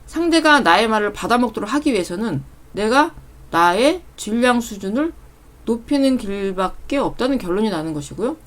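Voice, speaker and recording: A woman giving a calm, measured spiritual talk, explaining step by step and posing rhetorical questions to her listeners. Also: fairly high pitch. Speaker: channel host reading her own spiritual essays.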